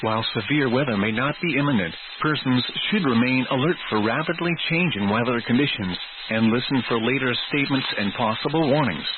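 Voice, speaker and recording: A male announcer reads an emergency weather bulletin over a thin, narrow radio channel with clear noise, giving it a tinny weather-radio sound. His mid-pitched delivery is formal and measured, and it sounds synthetic.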